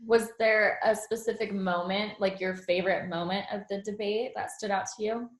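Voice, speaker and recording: A woman's voice: medium pitch, fairly even intonation, normal speed. A woman hosting an interview, chatty and curious in casual conversation. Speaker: interview host. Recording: echoey room.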